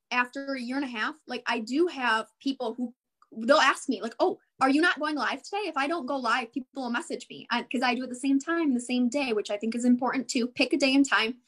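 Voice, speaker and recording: A woman's voice: fairly high pitch, a bit bright. A woman with a Midwestern American accent, bubbly and encouraging, giving a motivational sales talk during a live video. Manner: bubbly, encouraging, repeats herself. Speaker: direct sales consultant.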